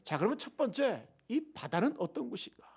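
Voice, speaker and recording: A man preaching a Sunday sermon as pastor, emphatic and full of rhetorical questions to the congregation, swinging between loud stresses and hushed asides. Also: sits high, very animated, a little fast, gravelly, husky.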